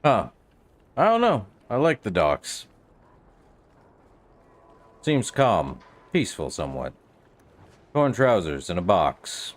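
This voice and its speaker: Casting: male let's-play streamer, low register, offhand self-directed commentary. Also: huge pitch swings, slow pace, pauses often. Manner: offhand, muttering reactions to self. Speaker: game streamer.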